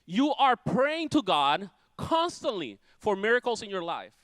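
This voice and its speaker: A man preaching a sermon with dramatic swings from loud declarations down to near-whispers. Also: high-pitched, sing-song, measured pace, no room sound.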